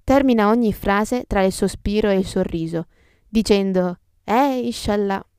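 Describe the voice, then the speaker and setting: A woman's voice: mid-range voice, normal speed, darkish tone, clean tone, dry recording, clean studio sound. A woman podcast host reading scripted travel narration in a reflective, descriptive storytelling way. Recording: music behind the voice. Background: guitar music.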